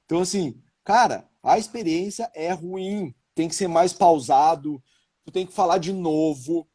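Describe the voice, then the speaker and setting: A man's voice: fairly high pitch, a little slow, husky. A man, a business guest, talking emphatically in casual conversation and peppering lines with fillers. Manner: animated, emphatic, many fillers like "sabe" and "cara". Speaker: business guest who works with a factory. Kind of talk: casual live-stream conversation.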